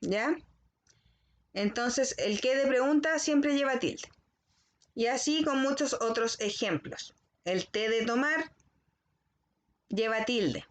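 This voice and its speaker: A woman teacher giving a recorded language lesson to children. She explains slowly and carefully and keeps checking in with the class. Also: a little high, lively intonation. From Chile.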